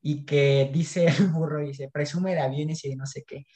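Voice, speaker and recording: A man's voice: a little high, steady tone, warm tone. Slangy Mexican man gossiping. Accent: Mexican Spanish. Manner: slangy, gossipy, quick retelling. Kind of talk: casual chat.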